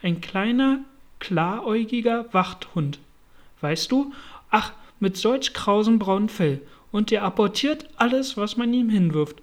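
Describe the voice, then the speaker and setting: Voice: medium pitch, lively intonation, normal speed, close to an everyday voice. A reader voicing a polite, well-meaning young girl in a storybook reading, with an eager, apologetic, chattering manner.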